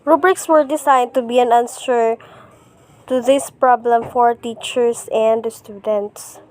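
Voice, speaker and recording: A young woman from the Philippines reading a class report aloud, slowly and carefully, with small slips and restarts. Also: on the high side, steady tone, a little mellow. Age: young adult. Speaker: student presenter.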